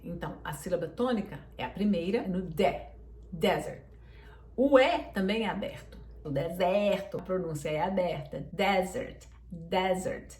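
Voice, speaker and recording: A woman giving an online English pronunciation lesson, patiently repeating words slowly. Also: fairly low pitch, a little mellow, slight background noise. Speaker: English teacher. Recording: roomy echo, mic at a distance.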